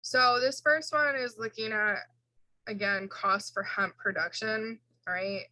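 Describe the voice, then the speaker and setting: A woman's voice: fairly high pitch, steady tone, measured pace, sharp tone, no echo, rough recording. A woman instructor giving an informal recorded lecture, walking through slides in a casual way with fillers and self-corrections.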